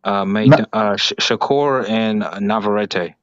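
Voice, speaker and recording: A man in a casual boxing chat over an online call whose audio keeps breaking up, so his words come out halting. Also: lowish voice, no echo. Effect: breaking-up online call audio, cutting in and out. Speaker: voice chat participant. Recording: dull lo-fi voice chat line.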